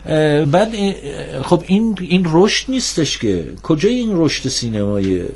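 A man speaking as a guest on a televised discussion show, earnest and critical, pausing often with drawn-out filler sounds. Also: on the high side, big pitch swings, a little mellow, husky. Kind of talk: TV panel discussion.

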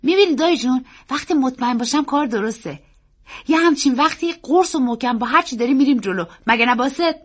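A woman's voice: high voice, pitched above the performer's own voice. A woman voicing an earnest, secretive young boy who talks in an urgent, pleading way. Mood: excited. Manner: urgent, pleading, quick and excited.

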